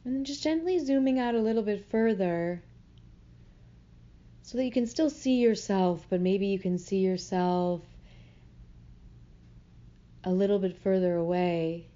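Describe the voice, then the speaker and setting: A woman guides a meditation in a soothing, gentle way, taking her time and leaving long pauses. Her voice sits in the mid range, and the audio is slightly muffled.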